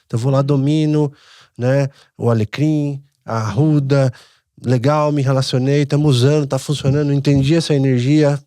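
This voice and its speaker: Brazilian guy cohosting a podcast, thinks out loud, mid voice, dry sound. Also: medium pitch, fairly even intonation, moderate pace, clean tone, dry recording. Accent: Brazilian Portuguese. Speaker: podcast co-host. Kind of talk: casual chat.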